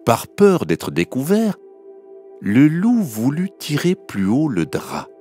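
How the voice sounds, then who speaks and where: A man reading a fairy tale aloud for children, in a gentle, unhurried, expressive storytelling manner. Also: mid-range voice, faint music behind.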